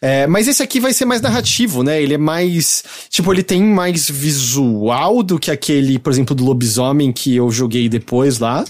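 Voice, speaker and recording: A man with a Brazilian Portuguese accent and a medium-pitched voice. He talks informally and conversationally, like the host of a casual video game show. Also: expressive, moderate pace, few pauses, darkish tone. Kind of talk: casual chat about video games.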